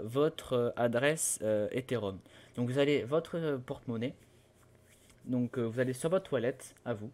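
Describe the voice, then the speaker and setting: A young man talks a viewer through steps on his computer in a casual, halting way. He stumbles, restarts and fills pauses as he goes, at an ordinary pitch for a man. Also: a little mellow. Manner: hesitant, many fillers and restarts, loses his words. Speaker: tutorial host. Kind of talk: casual screen-recorded tutorial.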